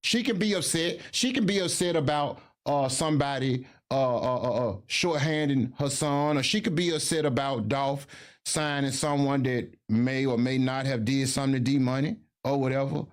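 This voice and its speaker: A man's voice: medium pitch, moderate pace. A man arguing on a podcast, defensive and stammering as he repeats himself. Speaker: podcast guest. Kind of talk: heated casual interview.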